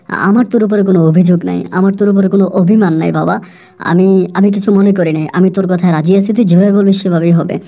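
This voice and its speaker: A woman voicing a gentle, humble older mother. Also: lowish voice.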